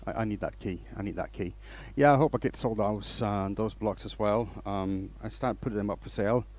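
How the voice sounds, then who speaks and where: Speaking fairly quickly in a somewhat low, slightly mellow voice, a man from Denmark greets viewers on his casual woodturning livestream, rambling and restarting his sentences as he works. There's slight background noise.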